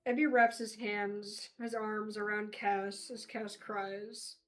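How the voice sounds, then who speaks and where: A woman's voice: mid-range voice, level tone, slow pace. A woman narrates her tabletop character in a casual, slangy way. Her voice sits in a middle range. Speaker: player.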